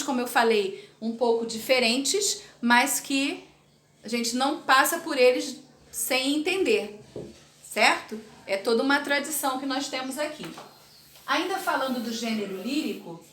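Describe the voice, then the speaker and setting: A woman's voice: high-pitched, fairly bright tone, echoey room, a little hiss or hum. A woman teaching a recorded literature class, explaining terms step by step and checking in with her students. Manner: explanatory, checks in with tag questions.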